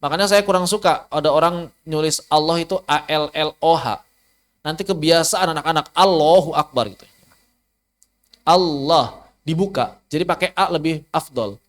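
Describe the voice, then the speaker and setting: A man's voice: a little high, normal speed. A man, teaching a Quran recitation lesson online, asking rhetorical questions and demonstrating letter sounds aloud. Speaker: ustaz teaching tajwid.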